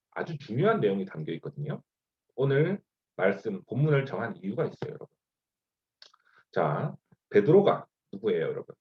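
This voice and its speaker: Animated preacher man on a video call. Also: medium pitch. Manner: animated, asks listeners rhetorical questions. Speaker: youth pastor. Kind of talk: sermon to middle-school youth. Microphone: online video call. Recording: dull lo-fi online video call.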